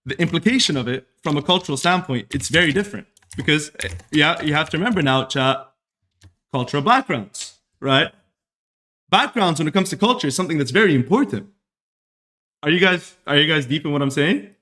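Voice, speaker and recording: His voice runs on the high side and is expressive, brisk, bright and forceful. As a young Saudi streaming podcast host, he delivers a casual, earnest monologue to his live chat, repetitive and self-reflective.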